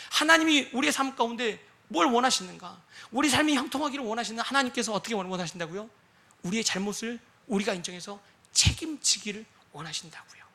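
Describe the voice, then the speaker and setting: Bright, high-voiced male preacher. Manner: asks the congregation rhetorical questions; acts out quoted voices. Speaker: pastor. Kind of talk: sermon.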